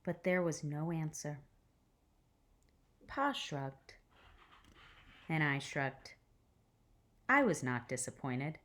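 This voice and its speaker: Her voice sits low as this woman teacher reads a picture book to children, full of expression. Deliberate pauses break up the text, and phrase endings fall to a whisper-like hush.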